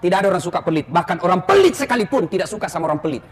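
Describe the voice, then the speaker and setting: A man's voice: sits high, sing-song, rapid-fire. A male Islamic preacher with a Ternate Malay accent, giving a humorous sermon and talking straight to his audience. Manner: joking, addresses the audience directly.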